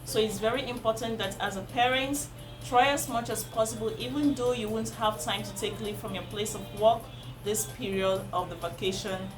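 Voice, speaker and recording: Speaking at a moderate pace in a steady, medium-pitched voice, this Nigerian-accented woman, whose native language is Igbo, offers earnest parenting tips to her viewers. As a vlogger talking to camera, she repeats the important points, and music runs beneath her voice.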